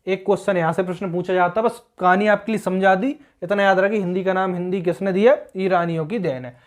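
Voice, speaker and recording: A man's voice: sits high, fairly even intonation, quick pace. Male tutor, exam-prep grammar lesson; patient, explanatory, drills key points. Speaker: teacher.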